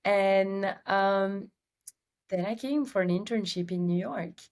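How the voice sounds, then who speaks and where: A woman from Belgium with a Belgian accent, a company's CEO and guest on an interview podcast, telling her story in a lively way with many filler ums. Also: medium pitch, slow. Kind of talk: casual interview chat.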